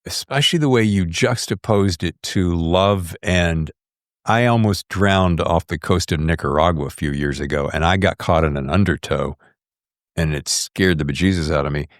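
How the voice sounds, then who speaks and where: This man's voice is low-pitched and moves at a normal speed, captured dry with studio quality. As a podcast host, he keeps the interview chat casual for both guest and audience, warm and gushing, full of emphasis and slang.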